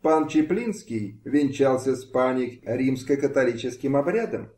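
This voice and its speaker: A man reading an audiobook voices a formal, cautious official speaking in a measured way. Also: mid-range voice, expressive, dark tone, distant mic, natural voice. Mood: formal warning. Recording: roomy home recording.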